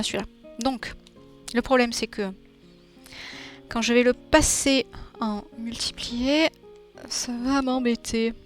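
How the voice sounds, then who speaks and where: A woman livestreaming while she draws, chatting with viewers and thinking aloud with playful little sound effects. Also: a little high. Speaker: streamer. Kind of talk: casual livestream chat while drawing.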